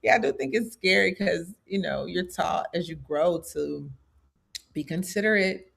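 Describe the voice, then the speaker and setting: A woman's voice: on the low side, a little slow, gravelly, fairly bright tone, slightly rough. A woman executive coach talking in an easygoing, slangy, chatty way. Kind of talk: casual conversational podcast.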